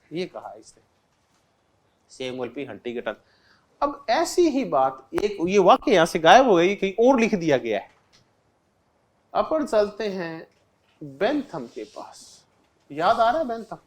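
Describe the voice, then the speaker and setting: A man teaching an exam-prep lecture, constantly asking the class questions and answering them himself, repeating key terms with simple examples. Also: a little high. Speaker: political science teacher.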